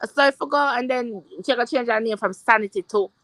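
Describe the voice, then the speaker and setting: A woman's voice: on the high side, a little fast, fairly bright tone, no echo. A woman chatting informally as host of a group talk, often repeating her phrases. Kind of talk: casual chat.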